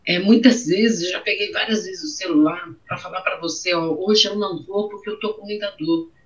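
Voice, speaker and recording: Her pitch fairly low and her speed normal, a middle-aged Brazilian-accented woman tells her personal story to an interviewer. She is emotional and says things more than once, and the recording is muffled and dull.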